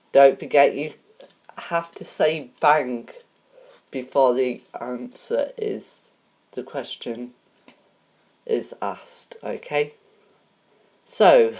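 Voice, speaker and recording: A woman with a bass voice and darkish tone hosts a homemade game show parody. She reads the rules and questions haltingly, with many ums and restarts.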